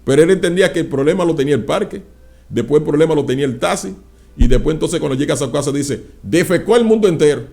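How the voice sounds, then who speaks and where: Animated male pastor preaching. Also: a little high, fast, gravelly. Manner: animated preaching with frequent interjections of praise; acts out anecdotes with exclamations. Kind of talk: sermon.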